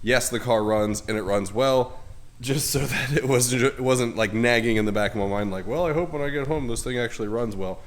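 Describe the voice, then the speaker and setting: A young man with a head cold and a congested voice hosts his car channel from his home garage, chatting casually. His mid-range voice is fairly quick as he rambles with fillers and pokes fun at himself in this garage vlog.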